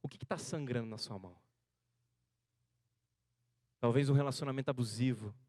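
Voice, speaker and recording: A man in his thirties from Brazil, a seminarian preaching a sermon built around a personal story, his delivery swinging between hushed and loud, rising passages. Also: mid-range voice, moderate pace, dry recording, studio quality. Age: 30s. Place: church hall.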